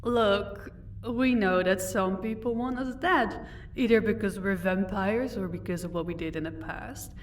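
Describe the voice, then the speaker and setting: Playing a powerful vampire mistress and married lady of an estate, a woman speaks in a medium pitch from a little way off the mic, amused and explaining as she mocks the listener. Lightly acted, condescending, and commanding, she keeps an unhurried composure in this intimate audio drama addressed to the listener, over faint noise.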